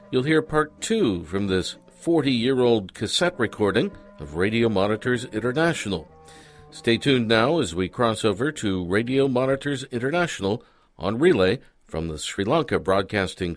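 A man's voice: medium pitch, expressive, normal speed. A man hosting a radio programme with scripted narration. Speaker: host. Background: music.

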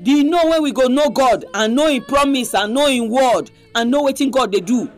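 A man's voice: very high voice, brisk, faint music behind. A man from Nigeria with a Nigerian Pidgin accent, hosting a religious programme and exhorting listeners in an emphatic, conversational preaching style. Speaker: religious radio programme host.

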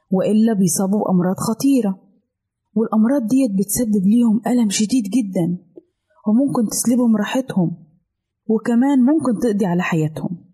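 A woman's voice: fairly high pitch, breathy edge. A woman with an Egyptian Arabic accent narrating a children's story with an affectionate, storybook delivery. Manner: warm, affectionate.

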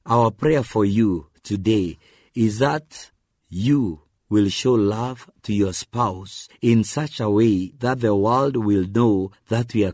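A man's voice: on the low side, a little mellow, no echo, clean studio sound. A man giving a devotional radio talk, earnest and addressing the listener directly.

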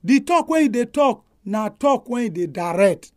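A man's voice: very high-pitched, very animated, normal speed, dry recording, studio quality. A man with a Nigerian accent preaches as a pastor on a radio programme, speaking in Nigerian Pidgin. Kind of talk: family-life sermon.

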